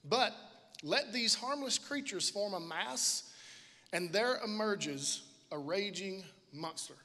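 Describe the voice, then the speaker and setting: A male pastor in his thirties preaches from a stage, his voice high and bright, ringing out across a large auditorium with a long reverb tail. He talks into a handheld mic in a loose, joking way and keeps calling out to the congregation. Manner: casual, joking, calls out to the congregation. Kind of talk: sermon. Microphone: handheld microphone.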